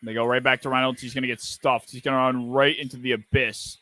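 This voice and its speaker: A man hosting a live football watch-party stream, calling plays and reacting in an excitable, profane way. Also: medium pitch, quick pace, dry recording.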